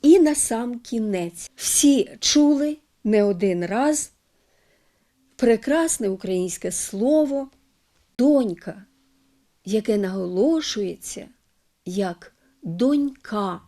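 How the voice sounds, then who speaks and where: A woman presenting a scripted television lesson on word stress, speaking carefully and stressing each word deliberately. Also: a little high, animated, mellow. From Ukraine. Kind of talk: scripted educational talk.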